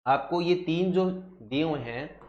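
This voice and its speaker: An English teacher from India explains grammar step by step for exam preparation, posing rhetorical questions and mixing Hindi with English terms. His voice is on the high side, unhurried, and a little mellow, while the recording sounds roomy and muffled.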